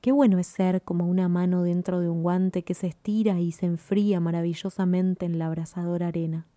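A woman narrating a story in a measured, even reading. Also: fairly low pitch, no echo.

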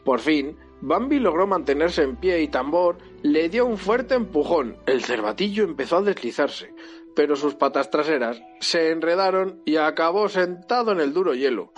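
A father reading a storybook aloud to his child with animated, expressive delivery. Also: fairly high pitch, lo-fi sound.

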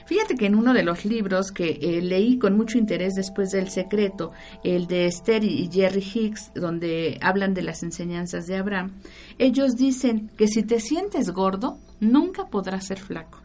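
A woman's voice: medium pitch, a little slow, a little mellow, faint music behind. A woman hosting a spiritual radio talk, speaking to the listener directly and giving instructions. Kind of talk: radio talk on prayer and angels.

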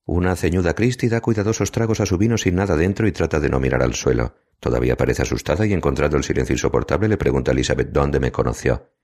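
A man reading an audiobook in a calm, cold, deliberate manner. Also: rumbling low. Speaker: audiobook narrator. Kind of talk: scripted narration.

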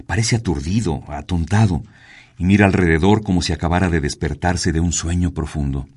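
A man narrates a story in a measured, unhurried way. His voice is very deep and steady throughout. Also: slightly rough. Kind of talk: scripted narration.

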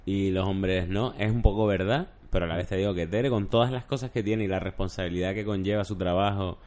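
A man, hosting a casual podcast chat and telling stories in a relaxed way. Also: low-pitched, fairly quick. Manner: relaxed storytelling, laid-back. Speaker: podcast host.

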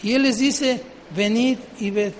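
Male preacher with a very high voice, questioning his listeners, reverberant hall, faint room noise. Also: fairly even intonation, a little slow. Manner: asks the congregation questions. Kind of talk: sermon.

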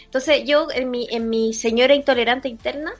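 A chatty woman with a Chilean accent talks casually as a podcast co-host. Her voice is fairly high, and she often breaks off and restarts her own thought. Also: fairly even intonation, normal speed, dull audio, faint music behind. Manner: chatty, self-interrupting. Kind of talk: casual chat.

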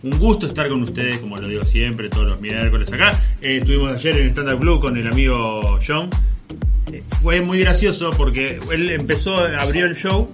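A man's voice: mid-range voice, moderate pace, over music. A man from Argentina with an Argentine accent, co-hosting a playful, teasing comedy chat. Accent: Argentine Spanish. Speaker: co-host.

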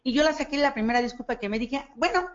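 A woman with a Mexican Spanish accent giving a motivational talk on network marketing, animated and acting out dialogue as she tells stories. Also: on the high side, fast talker. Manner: animated storytelling, acts out dialogue, asks listeners for agreement. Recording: dull lo-fi recording.

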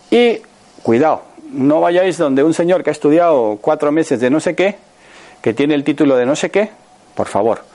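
Spanish man in his sixties, motivational speaker with a high, swooping voice, talks to the room with rhetorical questions. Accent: Spain Spanish. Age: 60s. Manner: animated, many rhetorical questions and checks like "right?". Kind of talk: motivational talk to an audience.

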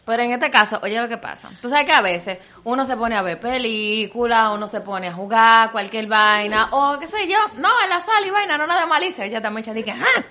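A Dominican woman co-hosting a podcast, telling a story in casual chat, animated and quick to laugh. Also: fairly high pitch. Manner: animated, laughs often, acts out sounds. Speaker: podcast co-host.

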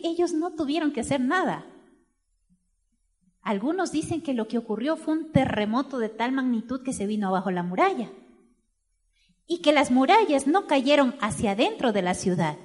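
Woman preaching with dramatic swings. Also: on the high side. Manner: storytelling, asks the congregation questions, swings from hushed to loud. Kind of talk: sermon. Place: church.

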